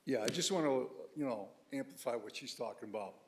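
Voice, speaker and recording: A man's voice: mid-range voice, expressive, fast, slight background noise. A man giving a blunt, casual public comment at a town meeting. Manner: plain-spoken, casual, blunt. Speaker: resident speaking at public comment.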